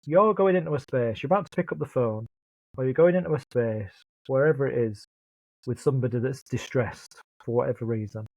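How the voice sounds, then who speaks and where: A man from Leeds, England, guest and project lead, speaks earnestly and thoughtfully in a reflective interview conversation, often repeating words as he begins a thought. His medium-pitched voice is brisk and a little mellow. The audio has no echo but is poor in quality.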